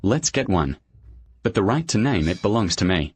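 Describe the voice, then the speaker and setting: Period drama dub: an understated, loyal husband, lowish raspy-edged voice. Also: male voice, very animated, moderate pace. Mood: content. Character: reserved, devoted husband, a ledger-keeping manager.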